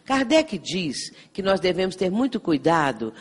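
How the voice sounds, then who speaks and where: A spiritist lecturer with a Brazilian Portuguese accent gives an earnest, explanatory lecture sprinkled with anecdotes, frequently tagging her points with "não é?" to check in with listeners. Her lowish, slightly rough female voice is very animated yet unhurried, ringing with a hall's long reverb.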